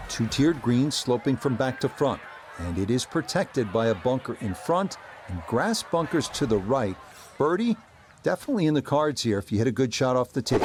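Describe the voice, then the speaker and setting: A man working as a composed golf commentator, calling play in short, measured observations for a video game broadcast. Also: medium pitch, very animated, background noise, close to an everyday voice. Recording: music and crowd behind. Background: music, crowd.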